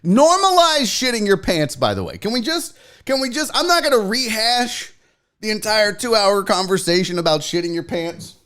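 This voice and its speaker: A man's voice: high voice, big pitch swings, moderate pace, a bit bright. A man hosting a casual livestream, greeting viewers in slangy, buddy-like terms with blunt, profane, joking talk. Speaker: livestream host.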